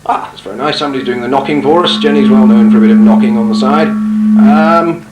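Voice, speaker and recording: A man's voice: medium pitch, fairly quick, roomy sound, dull audio, noisy background. A man giving a wry, joking spoken introduction to a home video.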